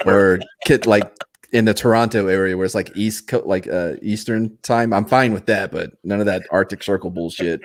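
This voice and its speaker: A man with a fairly low voice chats as a podcast guest. He is wry and sarcastic, and his delivery stays easygoing. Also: steady tone, moderate pace. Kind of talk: casual chat.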